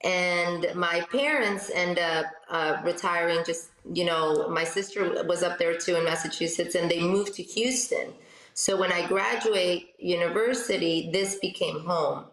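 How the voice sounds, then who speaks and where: South American woman, 30s, chatty radio host, lowish voice, echoey room. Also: unhurried. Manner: chatty, animated storyteller with many restarts. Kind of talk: casual interview chat.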